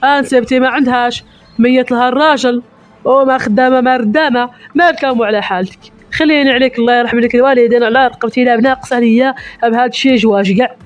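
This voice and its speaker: A man's voice: extremely high pitch, steady tone, rapid-fire, soft background music. A man playing a defiant grown son who firmly lectures his nagging mother in a comedy sketch. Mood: firm lecturing. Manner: firm, lecturing, defensive.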